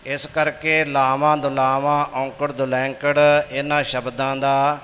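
A man's voice: medium pitch, level tone, a little slow, bright, forceful tone, big-room sound. A man giving pronunciation guidance for scripture recitation and demonstrating the right and wrong forms. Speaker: recitation instructor. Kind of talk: pronunciation instruction.

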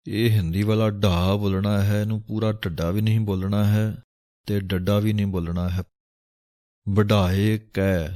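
A man's voice: lowish voice, mellow, no room sound, studio quality. A man teaching scripture pronunciation, who draws out each verse in a chanted recitation and then explains it carefully.

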